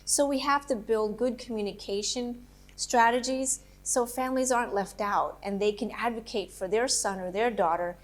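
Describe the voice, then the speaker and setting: A middle-aged woman from Colombia, a political candidate, answering interview questions in an earnest, steady, policy-focused way. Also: on the high side, normal speed.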